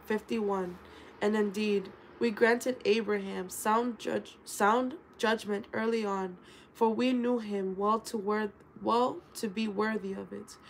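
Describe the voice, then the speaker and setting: A woman's voice: mid-range voice, slight background noise, rough recording. A woman reading a scripture translation aloud, calling out verse numbers and stumbling over words, then correcting herself as she goes. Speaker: scripture reader.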